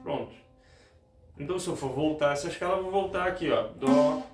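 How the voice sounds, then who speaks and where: A man's voice: on the high side, brisk. A male music teacher giving a guitar lesson, explaining step by step, repeating key points and speaking straight to his viewers. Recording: roomy, with guitar playing.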